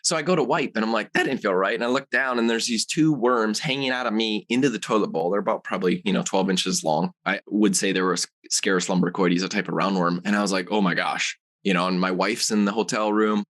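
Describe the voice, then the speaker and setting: A man's voice: on the low side, fast, hardly any pauses. A man, a guest on an interview podcast, telling personal stories in a casual, rambling way with lots of fillers. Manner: animated, rambling with many fillers. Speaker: guest, supplement company founder.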